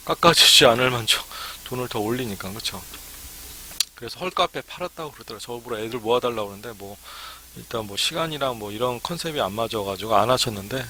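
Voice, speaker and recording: An academy startup consultant lectures over a live stream in a bright, forward voice of fairly low pitch, with a faint hiss beneath the recording. He keeps things loose and chatty, dropping "ne" between points.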